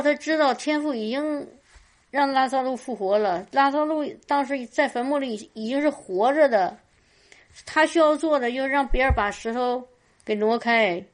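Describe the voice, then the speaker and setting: A woman gives a fervent testimony-style sermon to a church gathering, her voice sitting fairly high. She keeps crying out hallelujah and stumbles over repeated words as she presses her points. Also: moderate pace. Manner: fervent, often exclaims hallelujah; stammers and repeats words while talking. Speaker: lay preacher sharing at a church meeting.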